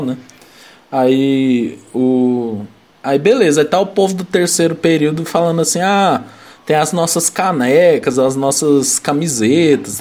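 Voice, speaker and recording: A man's voice: on the high side, darkish tone. A young man, casually telling a story in rambling chat, laughing and packing in slang fillers.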